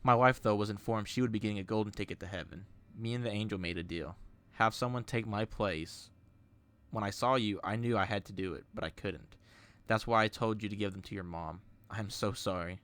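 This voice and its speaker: A man's voice: lowish voice, brisk, a bit bright, clear, resonant tone, lightly acted. Sorrowful old male ghost in a horror story, apologetic and pleading, read by a man. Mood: remorseful.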